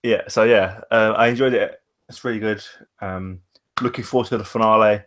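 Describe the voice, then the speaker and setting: A man with a slightly low voice hosts a podcast. He talks in an informal, chatty way, as in a casual conversation. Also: fairly even intonation, normal speed, fairly bright tone, a little hiss or hum. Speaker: podcast host. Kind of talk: casual chat.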